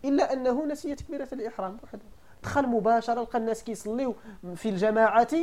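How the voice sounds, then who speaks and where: A man's voice: extremely high pitch, steady tone, very fast, darkish tone. A man with a Moroccan accent, a sheikh giving a classroom lesson on religious law who often stops to check that his class understands. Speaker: sheikh teaching Maliki jurisprudence.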